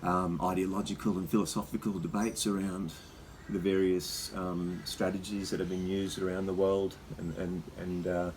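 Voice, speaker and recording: Low-voiced Australian man, slightly shivering. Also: flat delivery, normal speed, few pauses, a little mellow, slight background noise, low-quality recording. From Queensland, Australia. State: slight shiver in the voice from sitting in icy water. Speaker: host. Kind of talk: casual unscripted talk. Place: sitting in a freezer full of icy water.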